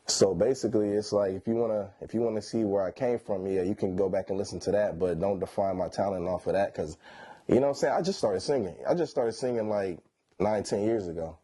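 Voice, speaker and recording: A man's voice: fairly low pitch, fairly quick, dark tone. A thirty-year-old man, talking in a stoned, laid-back slangy drawl in a casual interview. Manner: stoned, laid-back slangy drawl with frequent "you know what I'm saying". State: high on weed. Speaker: R&B singer being interviewed.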